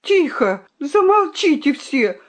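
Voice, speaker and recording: A woman's voice: sits high, big pitch swings, slow, voice pushed up, full character voice. A woman voicing an old veteran rooster, modest and fatherly, who frets and pleads earnestly in a storybook reading. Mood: fretful.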